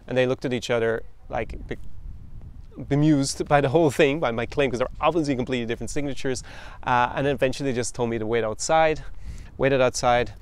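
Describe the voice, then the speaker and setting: With a medium-pitched, smooth voice and a brisk delivery, this thirty-something Irish podcast host shares a travel anecdote in a conversational style. Along the way he chuckles and imitates the voices of others he quotes.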